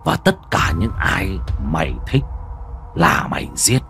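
A man voicing a cruel scheming male villain who talks in a low, menacing, gloating way, in a horror audio story. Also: sing-song, measured pace, vocal fry, fairly bright tone, soft background music, full character voice.

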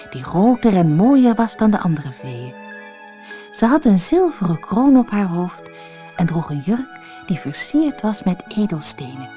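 A woman narrating a fairy tale for an audiobook in a slow, expressive storytelling manner. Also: mid-range voice.

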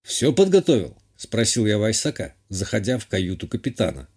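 A man reading a first-person fantasy audiobook in a measured, even way. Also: lowish voice, husky. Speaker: audiobook narrator. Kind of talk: scripted first-person narration.

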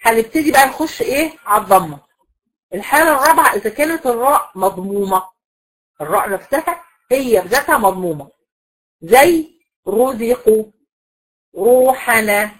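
Egyptian lady teacher, quick lecture, bit husky, keeps quizzing the class. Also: on the high side, expressive, fairly bright tone, low-quality recording. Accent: Egyptian Arabic. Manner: explains patiently, asks the class questions and repeats key rules. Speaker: Quran recitation teacher.

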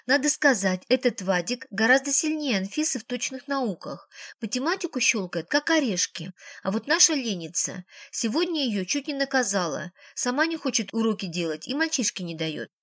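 A woman's voice: fairly high pitch, sing-song, moderate pace, fairly bright tone, dry recording, studio quality. A woman voicing a strict, talkative grandmother who fusses over her family, in an audiobook. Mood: chatty. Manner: bossy, fussing, talkative.

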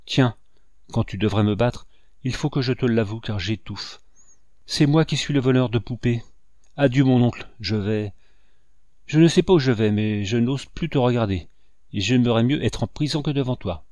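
A man's voice: medium pitch, moderate pace, a little mellow, dry recording, studio quality, natural voice. Man voicing a remorseful nine-year-old boy. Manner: pleading, breathless confession.

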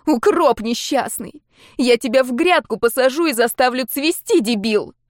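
A woman voicing a distraught young woman who shouts and sobs in turn, in an audiobook. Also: lively intonation, moderate pace, dry recording, clean studio sound. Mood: furious. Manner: shrill shouting through sobs.

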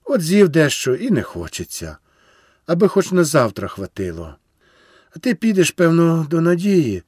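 A man reading a storybook and voicing a grieving, resigned old peasant man who speaks tenderly and haltingly. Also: a little high, huge pitch swings, a little mellow, husky, no room sound, studio quality, pitched above the performer's own voice, exaggerated voice.

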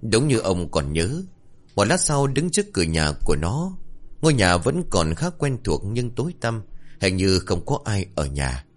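A man narrating a spooky village ghost story in an expressive, dramatic way. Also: lowish voice, normal speed. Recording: faint background music.

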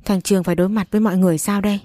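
A woman's voice: mid-range voice, fairly even intonation, racing, warm tone, no room sound, studio quality, natural voice. A woman voicing a distraught middle-aged mother in a storybook reading, wailing as she speaks. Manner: wailing lament.

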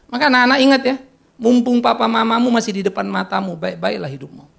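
A middle-aged pastor preaches to young people in a lively, joking way. His voice sits high for a man and has a gravelly edge. He drops into slangy asides now and then. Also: fast. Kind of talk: sermon to youth.

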